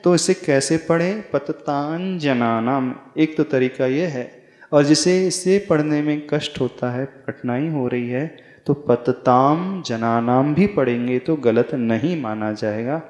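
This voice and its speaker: A man with a fairly high voice leads a scripture lesson as a monk, moving very slowly and pausing often. He sounds out each syllable carefully and keeps checking with his listeners. His voice rings through a large hall with long reverb. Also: a little mellow. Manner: slow, deliberate, spells out pronunciation and quizzes the audience. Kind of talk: devotional recitation lesson.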